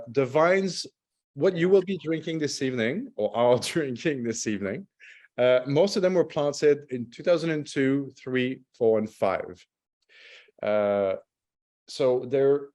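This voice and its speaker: A middle-aged Montreal man, a native French speaker, hosts a wine tasting over video call as a brand ambassador. His French Canadian accent carries Australian and South African traces, his mid-range voice is a little mellow, and his explanations are loose, chatty and self-correcting.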